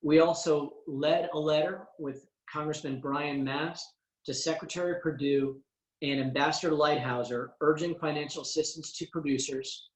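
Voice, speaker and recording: A man, a congressman, briefing constituents over a conference call in a measured way, pausing often on "uh" and going through items one by one. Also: a little high. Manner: measured, frequent "uh" fillers, lists items one by one. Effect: heard over a conference call line. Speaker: congressman hosting a teleconference. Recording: roomy echo on a conference call.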